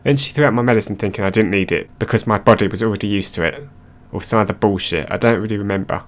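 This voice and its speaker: A man with a fairly low voice reads stories aloud. His delivery is plain and steady, like someone working through a list of online posts. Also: fast. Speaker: narrator.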